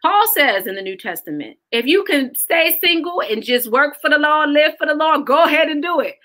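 A woman's voice: high voice, moderate pace. A woman speaking as a podcast guest in casual faith talk, earnest and emphatic. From Caribbean roots. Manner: earnest, emphatic, animated storytelling.

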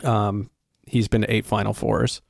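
A man's voice: lowish voice, flat delivery, unhurried, vocal fry, dry recording, studio quality. A man co-hosting a casual sports podcast, rambling through coaching stats with lots of ums and restarts. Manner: rambling, stacks up stats with many fillers. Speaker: podcast co-host.

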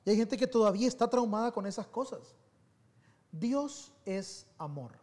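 High-voiced man preaching a lively sermon. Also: moderate pace. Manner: animated, conversational storytelling with shifts between soft and loud. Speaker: pastor.

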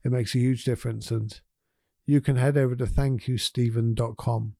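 A man hosting a podcast, talking in an earnest, gentle and encouraging way about life's small moments. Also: medium pitch, steady tone, normal speed, vocal fry, no room sound, studio quality. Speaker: podcast host. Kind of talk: reflective motivational podcast talk.

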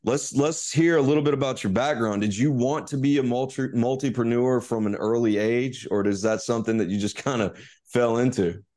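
A man with a mid-range, slightly mellow voice talks a little fast. He hosts a business podcast, starting with a scripted, upbeat intro before moving into a casual chat with a guest, using fillers along the way.

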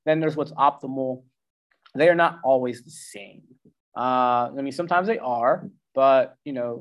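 A man giving casual advice on meal timing and food as a coach, talking loosely with slang and filler words. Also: medium pitch. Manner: loose and conversational, slangy, acts out the brain in goofy voices. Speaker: nutrition coach. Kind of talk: casual instructional talk.

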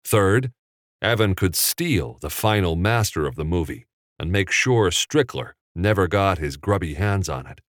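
A man narrating an audiobook in a measured, steady storytelling manner on a close studio mic. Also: sits low, dry recording.

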